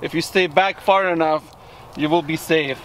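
A man in his thirties hosting a casual outdoor video, excited and laughing often. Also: a little high, normal speed, slight background noise. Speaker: video host. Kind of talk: casual vlog commentary. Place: outdoors in an orchard.

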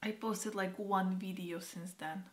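A young woman from Poland, giving a personal vlog update in a halting, hesitant way that often drops to a soft near-whisper. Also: medium pitch, steady tone. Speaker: vlogger.

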